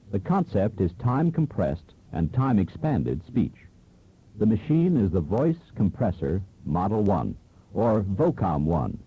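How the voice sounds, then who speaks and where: A man's voice: low voice, breathy edge, narrow, tinny audio. A man giving scripted promotional narration for a product demo, heard from an old, worn cassette tape copy from the early 1970s.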